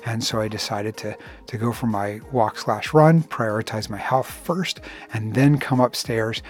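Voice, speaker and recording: A man in his forties hosting a casual solo podcast, talking in a relaxed, rambling way with filler words, recorded inside a small clothes closet at home. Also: on the low side, a little slow. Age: 40s. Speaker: podcast host.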